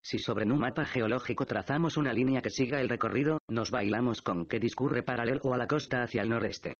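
A man's voice: mid-range voice, brisk, no room sound, close to an everyday voice. A man reading the lines of a thoughtful male detective who reasons aloud, in a dull, dry audiobook recording. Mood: reasoning.

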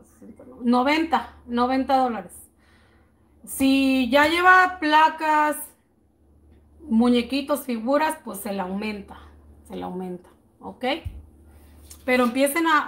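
High-voiced chatty woman. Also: fairly bright tone. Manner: chatty, greets viewers by name with slow drawn-out words; thinks aloud while working out prices. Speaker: baking channel host. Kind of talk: casual live-stream chat with viewers.

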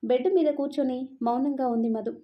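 A woman telling a romance story as scripted narration, with an even, expressive storytelling manner. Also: high voice, fairly quick. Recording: dull lo-fi narration recording.

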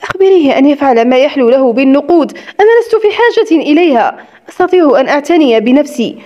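A woman's voice: sits high, animated, fast, dark tone, dull audio. A woman voicing a bitter, weary young widow. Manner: sarcastic and tired.

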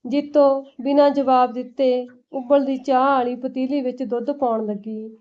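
A woman narrating a family story in a steady, plain telling. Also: high voice, normal speed. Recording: dull lo-fi recording.

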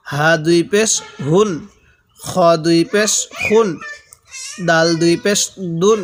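A man teaching Quran reading, drilling letter sounds slowly and asking listeners to repeat after him. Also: sits high. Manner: drills letters aloud with repetition, asks viewers to repeat. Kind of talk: slow step-by-step recitation lesson.

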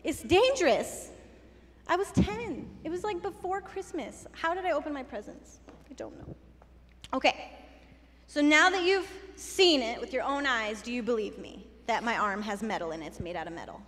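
A woman giving a children's sermon, playful and chatty as she talks straight to the kids. Her voice sits high and bright. It trails off in the long reverb of a church sanctuary. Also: lively intonation, normal speed. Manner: playful, conversational, talking to kids. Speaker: children's message leader.

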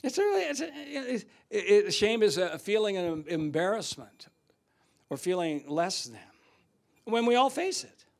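Animated man preaching a sermon. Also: high-pitched, slow, gravelly. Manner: animated storytelling, swings from loud to hushed. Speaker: guest preacher. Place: church sanctuary.

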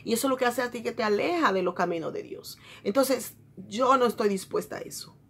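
A woman's voice: a little high, a little fast, vocal fry, a little hiss or hum. A woman vlogger talking in a casual, confiding way, affectionately calling her viewers "bellas". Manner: chatty, addresses viewers as "bellas". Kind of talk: casual confiding vlog chat.

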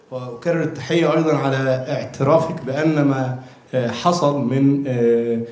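Man from Egypt at the floor mic, formal and pointed, talks very fast, echoey hall. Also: medium pitch, warm tone. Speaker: audience questioner. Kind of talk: question from the floor. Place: conference hall. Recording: roomy hall sound.

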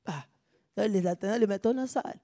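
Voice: mid-range voice, rapid-fire, dark tone, no echo. A stand-up comedian with an Angolan Portuguese accent, telling a story in a conversational way that trails off.

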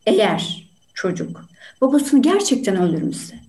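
A woman playing a polite, thoughtful juror, asking measured questions over a video call. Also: a little high, very animated, warm tone. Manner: measured, courteous. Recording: roomy room sound.

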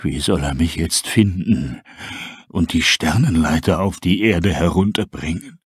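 A man's voice: sits low, measured pace, slightly rough, no room sound, studio quality, voice pushed down, exaggerated voice. A man voicing a starving, delirious old male wolf who talks in a weak, gasping, breathless voice.

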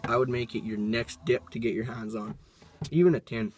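A man's voice: mid-range voice, normal speed. A young man in casual vlog chat, talking around a packed wad of chewing tobacco with sweary, laid-back slang, recorded inside a truck cab. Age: young adult. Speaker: product reviewer. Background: music playing.

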